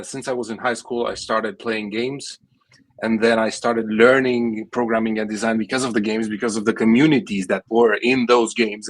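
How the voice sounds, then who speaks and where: A gaming startup founder in his late thirties, a Romanian man with a Romanian accent, answers interview questions as a guest in fluent non-native English full of fillers and restarts. His voice is fairly low and a bit bright, and the audio quality is poor.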